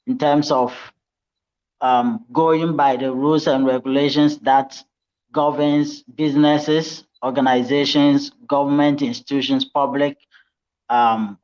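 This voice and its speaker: A man moderating a conference panel, slow and hesitant with many ums. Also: medium pitch. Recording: dull lo-fi audio.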